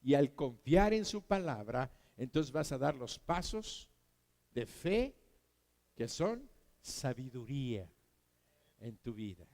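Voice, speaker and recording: A man's voice: medium pitch, big pitch swings, slow, long pauses, a little mellow. A man with a Mexican accent preaching a sermon in an earnest, emphatic, repetitive way. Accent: Mexican Spanish. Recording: long hall reverb.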